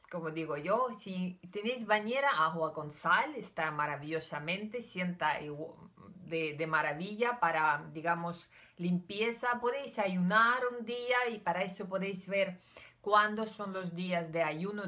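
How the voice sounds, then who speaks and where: With a voice on the low side, bright and forceful in tone, an older Ukrainian woman vlogs from a room at home. She is a native Russian speaker with a Russian accent, talking chattily and hesitantly to camera while gesturing with her hands.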